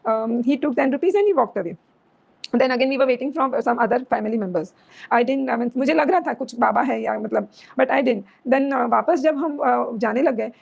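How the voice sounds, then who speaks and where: A young woman recounts a personal experience in earnest, emotional testimony, sliding between languages mid-sentence. Her voice sits high with a gravelly, fry-tinged texture. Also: a little mellow. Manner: mixes Hindi, Marathi and English mid-sentence. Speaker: devotee sharing a personal experience.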